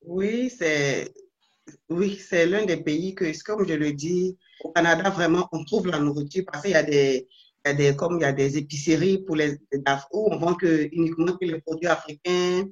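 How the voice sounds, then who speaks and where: A woman's voice: low-pitched, normal speed, lo-fi sound. A woman being interviewed, telling her stories animatedly and restarting often. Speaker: guest, immigrant to Canada. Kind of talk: casual interview. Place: Montreal.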